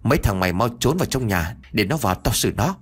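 A man's voice: fairly low pitch, very animated, quick pace, slightly rough. A man voicing a cruel lecherous young landlord. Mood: menacing.

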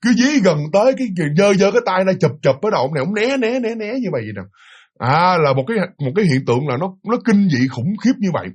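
Fast animated husky man telling a ghost story. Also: high-pitched. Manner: animated, acts out voices of people in the story.

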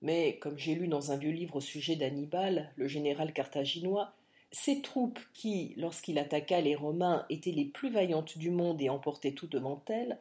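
A woman reading an audiobook in an expressive, dramatic storytelling manner. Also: low-pitched, normal speed. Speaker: audiobook reader. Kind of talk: scripted audiobook narration.

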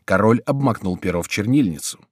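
A man narrating an audiobook novel in a measured, expressive reading. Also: fairly low pitch, slightly rough, dry recording, studio quality. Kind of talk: scripted narration.

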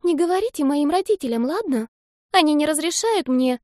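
A woman reading an audiobook, voicing a timid, curious eight-year-old girl in a high, eager childlike voice. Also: expressive, fairly quick, a little mellow, no room sound, studio quality. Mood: anxious. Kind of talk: audiobook character voice.

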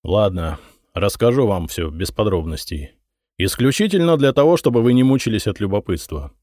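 A man's voice: fairly low pitch, animated, normal speed, darkish tone, dry recording, studio quality, natural voice. A man voicing a short-tempered male head of a secret service who roars and threatens, in an audiobook. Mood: weary, explaining. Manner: roaring, threatening, commanding. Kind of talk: audiobook character reading.

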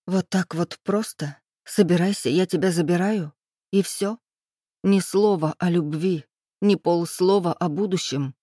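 A woman reading an audiobook, voicing a wounded, bitter young woman in raised, sharp outbursts. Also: lowish voice, unhurried, dry recording, clean studio sound.

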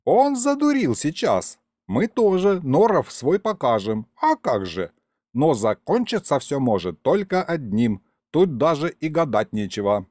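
Male reader as crotchety old grandfather spirit, folksy grumble, lively, mellow tone. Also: fairly high pitch, unhurried, dry recording, studio quality, voice pushed up. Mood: grumbling.

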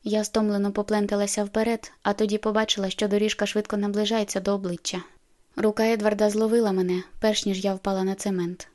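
Woman narrator, audiobook, flat even reading, mellow dark tone. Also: mid-range voice, fast. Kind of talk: scripted narration.

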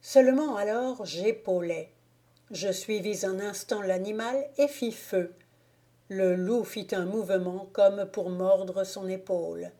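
A woman narrates a classic novel for a free audiobook. Her voice is mellow and warm, of middling pitch. She reads very slowly and carefully, in a soft-spoken, measured way. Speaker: audiobook reader. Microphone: home recording, volunteer reader.

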